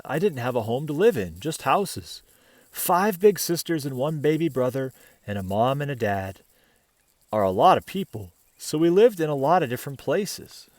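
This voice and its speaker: A man reads a children's picture book aloud like an expressive storyteller, stopping for casual asides and questions aimed at the listener. His pitch sits in the middle, and there's no echo.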